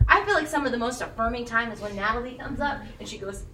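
Woman preacher in her 30s, high and bright, animated conversational sermon, echoey room, mic at a distance. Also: quick pace, background noise. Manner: animated, conversational, bursts of shouting.

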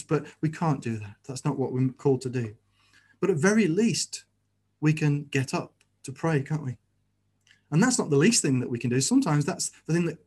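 Pastor, man with a fairly high voice, earnest sermon delivery, keeps asking the congregation tag questions. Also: darkish tone, breathy edge.

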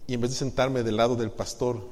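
A man's voice: mid-range voice, steady tone, brisk. Preaching pastor, man, echoing church hall. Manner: swings from hushed confession to loud emphatic preaching; asks the congregation rhetorical questions. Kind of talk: sermon. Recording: long reverb in a church hall.

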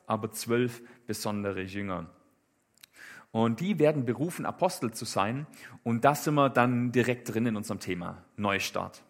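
A man preaching a casual sermon in a conversational way, with many fillers and rhetorical questions. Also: medium pitch.

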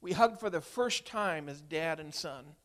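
A man in his sixties, a preacher, telling a heartfelt story in a sermon, swinging from hushed to loud. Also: on the high side, expressive, measured pace. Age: 60s. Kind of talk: emotional sermon testimony.

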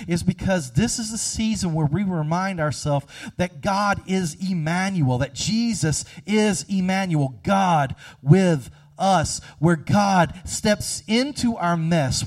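Guy pastor in his 30s giving a sermon, a bit high-pitched, joking around then slowing down to hit the point. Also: darkish tone. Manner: conversational and humorous, acting out little scenes; slows and stresses key phrases.

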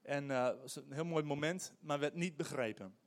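A middle-aged man, a pastor, preaching a sermon in an animated, emphatic way with frequent hesitations. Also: a little high, moderate pace, gravelly.

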